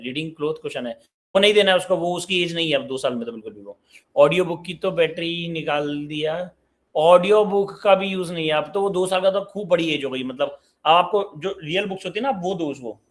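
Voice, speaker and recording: A man in his late twenties hosts a live online parenting session. His voice sits a little high for a man, and he reads out viewer questions before answering them in an easy, conversational way. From Uttar Pradesh, India. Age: 20s.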